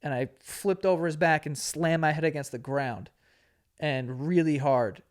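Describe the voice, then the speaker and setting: A man's voice: on the high side, moderate pace, a little mellow. A man in his late twenties telling a story in casual chat, laid-back and profane, laughing often and acting out what people said. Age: 20s. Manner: laid-back, swears a lot, laughs often, acts out quotes. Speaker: podcast host.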